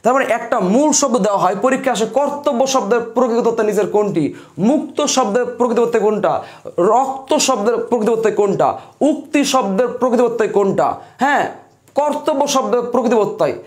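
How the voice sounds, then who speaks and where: A man's voice: extremely high pitch, fast. A man teaching grammar for exams, repeating instructions and answering his own questions. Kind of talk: exam-prep lesson.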